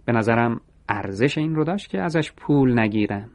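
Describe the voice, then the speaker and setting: Soft-spoken storybook florist, young man, serene and unbothered, read by a male narrator. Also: medium pitch, lightly acted. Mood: calm. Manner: gentle, steady, unbothered.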